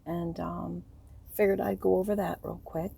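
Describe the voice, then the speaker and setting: A middle-aged woman telling a personal story to camera in a soft, rambling way, grieving, her voice breaking and trailing off. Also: fairly low pitch, little pitch movement, normal speed, creaky, husky. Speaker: vlogger.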